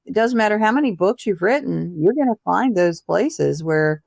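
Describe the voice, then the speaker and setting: A woman's voice: medium pitch, animated, moderate pace, creaky, darkish tone, no room sound. A woman hosting a podcast interview, chatty and encouraging, laughing easily. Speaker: podcast host. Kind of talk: casual interview chat.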